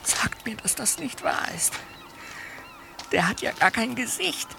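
An actor playing a jumpy young detective sidekick in an audio drama, excitable and questioning. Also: male voice, medium pitch, normal speed, creaky, very noisy. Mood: anxious, hushed. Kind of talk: German audio drama acting.

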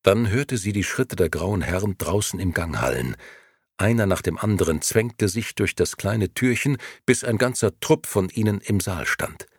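A man reading a story as a calm, measured audiobook narrator. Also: low voice, husky, no echo, clean studio sound. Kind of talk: scripted narration.

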